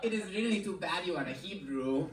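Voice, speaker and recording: A woman's voice: on the low side, expressive, brisk, roomy sound, over a noisy crowd, close to an everyday voice. A woman putting on a blunt, flirtatious bearded Russian man in a fur hat, in a mock Russian accent. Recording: live comedy room, distant mic, loud audience.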